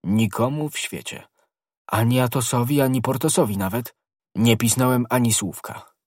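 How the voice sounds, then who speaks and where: A man voicing a bold, knowing young guardsman who speaks briskly and gives orders, in a husky voice. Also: medium pitch, darkish tone, no room sound, clean studio sound, natural voice.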